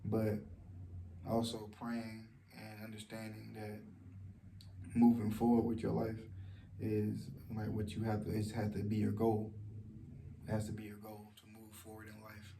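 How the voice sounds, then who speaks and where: A man talking in a personal vlog, speaking softly and low in a halting way, with many fillers and restarts. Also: monotone, gravelly, background noise. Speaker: vlogger. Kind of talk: personal vlog, sharing a story of loss.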